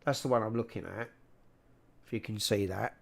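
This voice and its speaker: A man with a creaky, lowish voice and a South London accent hosts a livestream at normal speed. Speaking into a big, close microphone, he's informal and chummy, addressing people as "mate."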